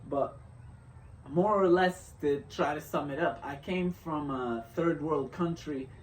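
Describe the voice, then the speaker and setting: A young man from Syria talking through a reflective motivational vlog, halting and restarting often as he thinks aloud. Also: a little high, far from the mic, slight background noise. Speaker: vlogger. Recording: roomy echo, off-mic, faint ambience.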